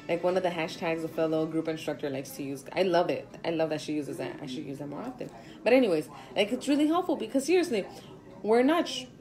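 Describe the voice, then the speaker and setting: A woman in her twenties, a fitness instructor, talking in a chatty, loud, slangy way in a casual vlog. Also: lowish voice, poor audio.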